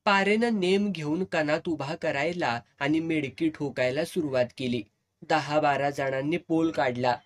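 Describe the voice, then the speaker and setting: A man's voice: on the high side, a little slow. A man reading a serialized novel aloud, telling it in the first person in dialect. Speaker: storyteller.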